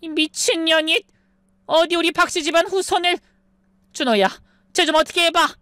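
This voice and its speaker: A woman's voice: very high voice, steady tone, moderate pace, bright, forceful tone, no room sound, studio quality, voice pushed up. A woman voicing a harsh, domineering older mother-in-law who scolds shrilly, in a dramatized story reading. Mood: scolding.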